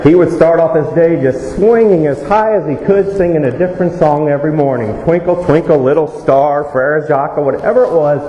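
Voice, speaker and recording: A man's voice: fairly high pitch, fairly quick, few pauses, mellow, dull audio. A man giving a conversational homily as a priest, plain-spoken and anecdotal, his voice echoing in a church. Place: reverberant church. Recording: echoey church reverb with faint noise.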